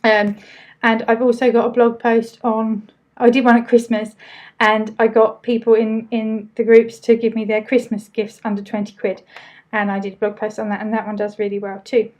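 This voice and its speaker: A woman's voice: fairly high pitch, completely flat delivery, normal speed, darkish tone. A woman with an Essex accent hosting a casual live training, chatting informally as she reads out and answers questions, with loosely pronounced words.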